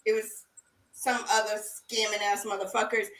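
A woman's voice: mid-range voice, little pitch movement, normal speed, a bit bright, far from the mic. A woman co-hosting a casual podcast chat, swearing freely and laughing often as she tells a story. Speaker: podcast co-host. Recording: roomy echo.

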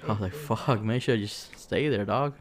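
A man's voice: fairly low pitch, normal speed. A man on a casual podcast, telling a story with acted-out quotes and frequent laughter. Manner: animated storytelling, acts out quotes, laughs often. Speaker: podcast co-host. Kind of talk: casual chat.

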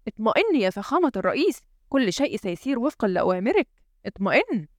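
A woman's voice: on the high side, sing-song, quick pace, no room sound, clean studio sound. A woman voicing an anxious, loyal palace usher. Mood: resolute. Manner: anxious, deferential. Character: loyal, worried older male palace chief usher.

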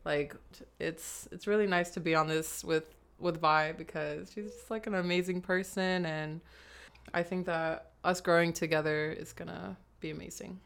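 Young woman, American accent, lower pitch, casual podcast co-host, informal slangy talk. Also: steady tone, normal speed, creaky, a bit bright. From San Francisco Bay Area, USA. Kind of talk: casual chat.

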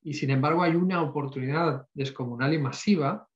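A man's voice: on the high side, fairly quick. A man in an informal expert discussion, reflective, often adding tag questions and English tech terms to his Spanish. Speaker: panel participant. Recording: echoey room, dull lo-fi audio.

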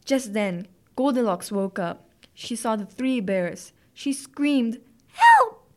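A woman hosts a podcast narrating classic fairy tales, telling them in a clear, gentle way. Her voice is a little high and her pace slow.

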